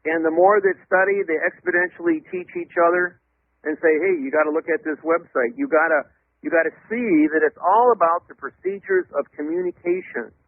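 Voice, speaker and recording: On a dull, lo-fi radio or phone line, a legal theorist being interviewed explains at length in a loud, emphatic, didactic voice, even spelling out words letter by letter. His pitch is on the high side and his pace a little fast, and the recording is dry.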